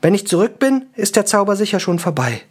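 A man's voice: sits high, big pitch swings, brisk, breathy edge, voice pushed up, heavily acted. A man doing a whiny young elf woman. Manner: whiny, plaintive.

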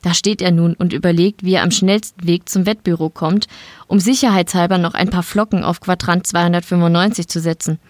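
Woman reading a story, low dry voice. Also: steady tone, fairly quick, dry recording. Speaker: reader. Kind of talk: audiobook narration.

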